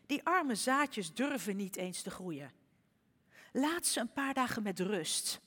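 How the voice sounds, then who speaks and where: Woman reading calm wise frog, storybook character, patient advice, fairly high voice, long hall echo. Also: slow pace, breathy edge, full character voice.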